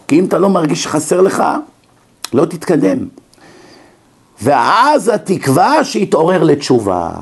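Gravelly man giving a rabbi's lecture. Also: on the high side, darkish tone. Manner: storytelling, acts out quoted people, rhetorical questions. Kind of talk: religious lecture with anecdotes.

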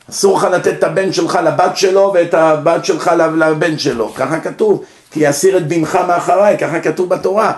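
Israeli man lecturing, echoey room, higher-pitched voice. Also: darkish tone. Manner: didactic, asks and answers own questions. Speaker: rabbi giving a religious lecture. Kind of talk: informal Torah lecture to an audience.

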